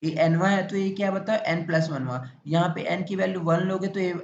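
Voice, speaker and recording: High-voiced Indian man teaching a maths class. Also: fairly even intonation. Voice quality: repetitive, drawn-out explanatory delivery. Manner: asks rhetorical questions and answers them himself. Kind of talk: classroom lecture with questions to students. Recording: echoey, muffled classroom recording with faint noise.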